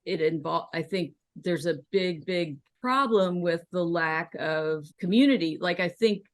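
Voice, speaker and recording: An American woman being interviewed, telling personal stories in a halting, conversational way as she thinks aloud. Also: lowish voice. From Kentucky, United States. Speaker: podcast guest, documentary filmmaker. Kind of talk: casual interview, personal storytelling.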